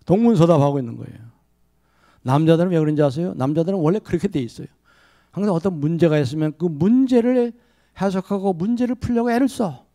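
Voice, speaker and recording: A man's voice: mid-range voice, vocal fry, mellow. A male pastor preaching a sermon, telling a story and acting out the quoted lines. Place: church sanctuary.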